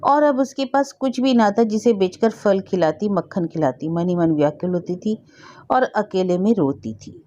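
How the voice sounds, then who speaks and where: A woman narrating a short story aloud in an expressive storybook reading. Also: medium pitch, moderate pace. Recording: dull lo-fi recording.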